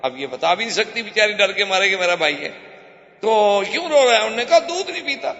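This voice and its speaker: A male preacher telling stories in an animated sermon, with shifting pitch and strong emphasis. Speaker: religious preacher. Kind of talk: storytelling sermon. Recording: echoey hall, dull lo-fi sound.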